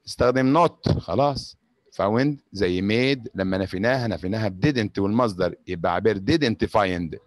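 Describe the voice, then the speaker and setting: A man with an Egyptian Arabic accent teaching a grade-school English lesson, explaining in Arabic and dictating English example sentences very slowly. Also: lowish voice, no echo.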